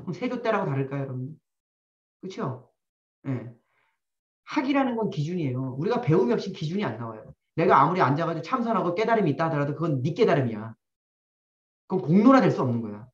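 A man giving a lecture to a live audience, blunt and animated, firing rhetorical questions at the room and slipping into slang. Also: on the high side, fast talker. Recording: roomy, distant, dull-sounding.

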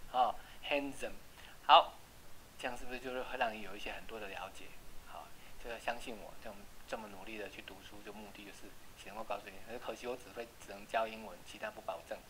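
A man teaching an English class, chatty and checking with students, slowing down to repeat words for pronunciation. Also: lowish voice, fairly even intonation, noisy background. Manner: asks "right?" often. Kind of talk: classroom lesson.

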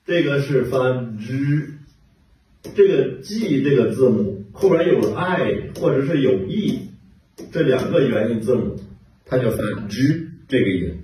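Male teacher, slow and patient, mellow tone, recorded distant in a very echoey room. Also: mid-range voice, animated. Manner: slow, patient, repeats sounds. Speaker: English teacher. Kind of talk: pronunciation lesson.

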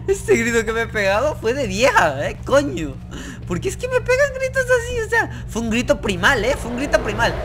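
A man giving excited gameplay commentary as a gaming YouTuber, swearing and yelping in fright. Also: very high-pitched. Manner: jumpy, swears, yelps and screams in fright. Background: game music.

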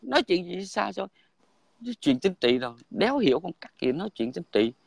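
Blunt man, crude heated chatter, a bit high-pitched, dry close sound. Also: sing-song, a little fast, gravelly, no echo. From Vietnam. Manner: blunt, crude, repeats "right?". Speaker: guest in online livestream chat. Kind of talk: heated casual talk.

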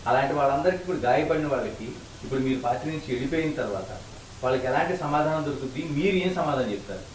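A male reporter quickly presses questions from among the press. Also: medium pitch, a little hiss or hum. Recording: far from the mic, echoey, faint ambience.

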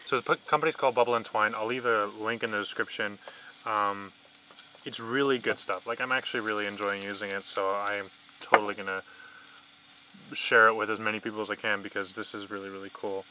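Parked in a small camper van, this young Canadian vlogger, somewhere in his 20s to early 30s, talks casually. He has a fairly low, steady-toned voice and speaks a little fast, with van background noise in the recording.

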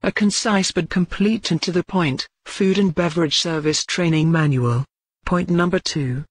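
A woman narrating a scripted promotional voice-over for a training manual, reading out a list of selling points in a steady pitch. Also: slightly rough, no room sound.

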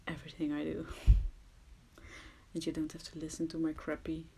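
Her low, darkish voice is completely flat at normal speed as this Dutch woman walks through a casual crafting tutorial via screen recording. She's at someone else's home, hesitant and self-deprecating, often sinking to a murmur. Slight background noise can be heard.

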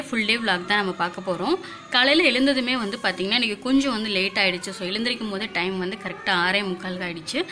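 A woman's voice: medium pitch, bright, forceful tone. A woman, narrating a casual home vlog in a chatty way, full of filler words. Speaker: vlogger.

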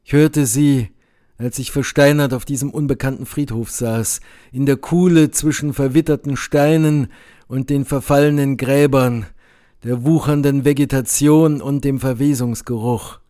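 A man reading a horror story as an audiobook in a measured, grave manner. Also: mid-range voice, fairly even intonation, warm tone. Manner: slow, measured, grave delivery. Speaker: audiobook reader. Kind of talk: dramatic audiobook narration.

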